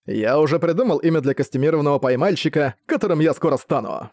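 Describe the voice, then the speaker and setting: Male reader playing a cocky flirty rogue, raised pitch, close dry audiobook read. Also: fast, a little mellow, no echo. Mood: teasing. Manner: smug, flirty, mocking. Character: cocky teasing male ex-villain.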